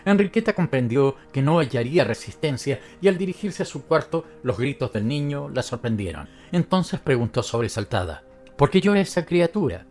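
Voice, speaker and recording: A man narrating a literary audiobook in a measured storytelling manner. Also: mid-range voice, lively intonation, a little mellow, faint music behind.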